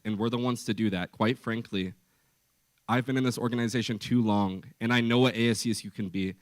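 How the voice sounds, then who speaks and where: A young man, a student candidate, giving a forceful, impassioned debate speech built on rhetorical repetition. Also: mid-range voice. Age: young adult.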